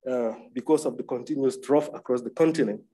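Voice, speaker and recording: A man from Cameroon presents slides as the moderator of an academic panel, talking conversationally and often checking in with tag questions. His voice is dark and mellow, at a middle pitch. He is heard over a video call. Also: a little fast, slightly rough, rough recording.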